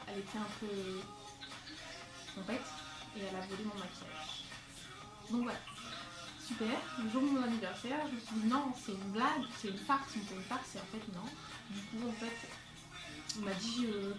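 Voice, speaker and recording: A woman's voice: medium pitch, distant mic. A young woman chatting to her phone camera in a bedroom, rambling with many fillers and a little out of breath. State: slightly out of breath. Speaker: beauty vlogger. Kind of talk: casual chat to camera. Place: bedroom with skylight, indoors. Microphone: phone camera, no tripod. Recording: echoey room, phone held away, music behind.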